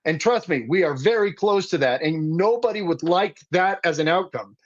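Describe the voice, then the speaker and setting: A man's voice: sits high, moderate pace, lo-fi sound. A man raised in the Dominican Republic, a guest activist speaking passionately and insistently in a political talk. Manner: impassioned, insistent, building emphasis.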